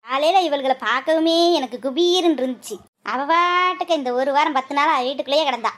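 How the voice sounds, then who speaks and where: A woman plays a fiery old village mother-in-law in a cartoon, scolding and wailing in a Madurai Tamil accent. The voice sits very high and shrill for an older woman. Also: brisk, a bit bright. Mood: lamenting. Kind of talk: cartoon voice acting.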